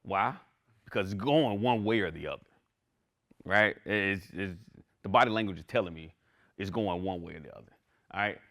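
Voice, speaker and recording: A man's voice: low-pitched, normal speed, pauses often. A man teaching a class in a conversational lecture, often checking in with the listeners. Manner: animated, conversational, asks "right?" often. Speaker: instructor.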